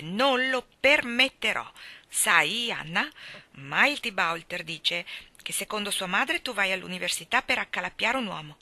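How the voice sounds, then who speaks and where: A woman's voice: mid-range voice, sharp tone, no echo. A woman doing a pushy little boy. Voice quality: insistent, whiny. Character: cheeky stubborn little boy, curious.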